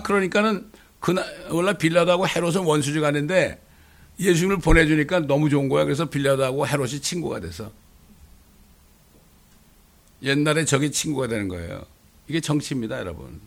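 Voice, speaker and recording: A middle-aged male pastor preaching a sermon, animated, often tossing "eh?" to the congregation. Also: fairly high pitch, brisk, creaky. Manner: animated, rhetorical questions, frequent "eh?" asides.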